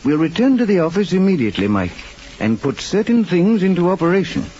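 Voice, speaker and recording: In an old-time radio drama, an actor with a high-pitched male voice plays a calm, authoritative detective who sounds assured. He speaks in a measured, formal and courteous way, polite but firm as an investigator. Soft music plays behind him, and the old recording is muffled and noisy.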